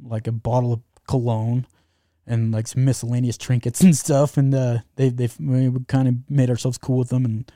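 Man with a very dark, mellow voice. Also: mid-range voice, level tone, normal speed, no echo, clean studio sound. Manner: rambling, many fillers and restarts. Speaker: guest telling a travel story. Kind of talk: casual storytelling.

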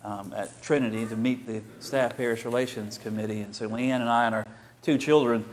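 A man's voice: mid-range voice, a little fast. Guy, middle-aged pastor, telling stories in his sermon, chatty, jumps up when he quotes folks. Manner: conversational, quotes others in lively bursts. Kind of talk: sermon storytelling.

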